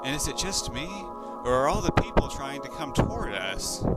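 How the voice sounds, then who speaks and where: A man's voice: medium pitch, big pitch swings, normal speed, over loud music, close to an everyday voice. A man voicing a teenage boy in a read-aloud horror story, speaking in a tense, worried way. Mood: panicked.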